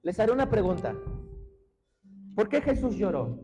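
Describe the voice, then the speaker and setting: A man preaching a sermon as pastor in a church, impassioned and often shouting to the congregation. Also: sits high, very animated, moderate pace, music in the background, rough recording. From Mexico. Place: church sanctuary.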